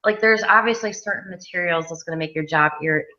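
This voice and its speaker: Lower-voiced lady artist rambling along with lots of ums, kinda dull lo-fi audio. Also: brisk, bright, forceful tone. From Western New York. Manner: chatty, many ums, laughs easily. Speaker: mixed media artist, guest. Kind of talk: casual interview chat. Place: outdoor art studio. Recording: dull lo-fi sound.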